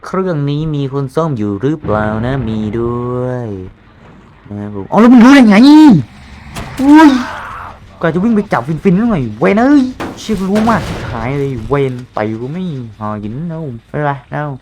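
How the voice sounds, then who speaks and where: Excitable young man yelling over gameplay. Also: fairly high pitch, moderate pace, noisy background. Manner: excitable, swears a lot, yells at the game. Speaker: gaming streamer. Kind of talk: live gameplay commentary.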